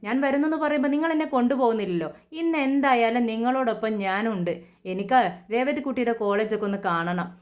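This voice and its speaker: A woman's voice: on the high side, quick pace, close to an everyday voice. A boastful, defensive young man in a homespun serial retelling, read by a woman who lifts her voice for him. He protests and argues in a plain, everyday voice. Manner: indignant, protesting.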